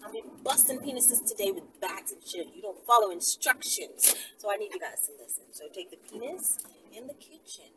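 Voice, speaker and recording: Speaking briskly and expressively at medium pitch, a woman rambles casually to her followers, bossing them around with playful slang as she gives instructions. She was recorded from afar, with heavy noise behind her.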